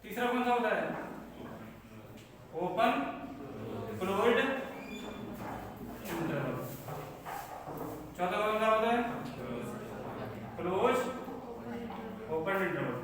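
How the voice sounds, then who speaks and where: A man's voice: high voice, expressive, slow, pauses often, crowd noise. A man teaching math to a class, asking questions and joking between points. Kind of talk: classroom lecture. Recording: echoey classroom from far off.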